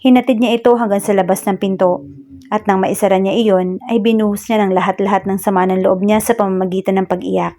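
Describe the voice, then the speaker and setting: A woman's voice: mid-range voice, steady tone, a little fast, mellow. A woman narrating a romance story in scripted style, mixing Tagalog and English and lightly voicing each character.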